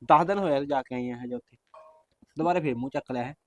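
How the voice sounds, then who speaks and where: A man playing a gruff, fast-talking Punjabi farmer husband. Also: mid-range voice, a little mellow, lightly acted. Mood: brusque. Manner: brusque, grumbling, quick. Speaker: actor in a short film. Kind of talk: village short-film acting.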